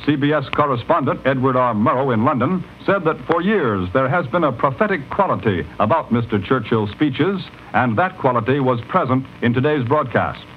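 A man delivering a 1940s radio news bulletin in a formal, measured announcer manner, heard as an old newsreel radio broadcast. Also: mid-range voice, animated. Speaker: radio newscaster. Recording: dull lo-fi archival radio with faint hiss.

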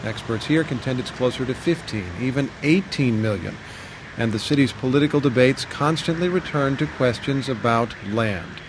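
American male radio reporter, measured narration. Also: mid-range voice, background noise. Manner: measured, short deliberate sentences. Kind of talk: scripted documentary news narration.

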